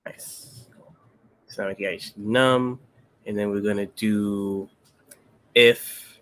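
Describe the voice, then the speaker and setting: A young man with a somewhat low voice talks through a coding problem step by step. His manner is laid-back and patient, like a casual pair-programming session at home. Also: steady tone, takes it slowly, a bit bright. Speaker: interview candidate studying coding.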